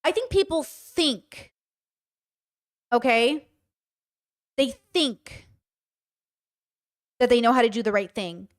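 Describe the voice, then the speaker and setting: Speaking slowly with frequent pauses and wide swings in pitch, this fairly high-voiced woman in her thirties riffs unscripted on her livestream chat. Blunt and foul-mouthed, she keeps firing rhetorical questions at her audience.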